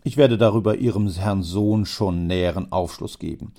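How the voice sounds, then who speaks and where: A man voicing a talkative, scheming old uncle who speaks in smooth, self-important phrases. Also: deep voice, normal speed, warm tone.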